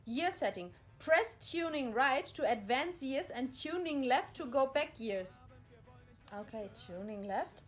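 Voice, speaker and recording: A woman's voice: high voice, expressive, a little slow. A woman ranting in exasperation as she reads instructions aloud, repeating herself. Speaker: vlogger. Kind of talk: frustrated vlog monologue reading instructions aloud.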